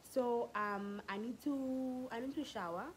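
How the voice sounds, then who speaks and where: A woman's voice: on the high side, unhurried, slight background noise, rough recording. Chatty South African woman vlogger. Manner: chatty, mixing in Setswana phrases. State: congested with flu. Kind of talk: casual vlog chat. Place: home living room and bedroom. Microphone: phone camera at arm's length.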